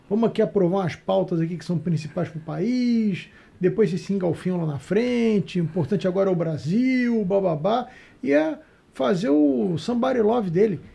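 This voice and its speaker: A man's voice: sits high, vocal fry, mellow, husky. A Brazilian man on a political debate panel, talking sarcastically and mocking others' words. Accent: Brazilian Portuguese.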